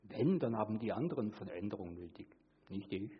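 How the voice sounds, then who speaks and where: A man preaching a sermon, earnest, moving between hushed and emphatic delivery. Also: animated, a little fast, husky, muffled recording. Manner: acts out quoted voices with sudden high pitch.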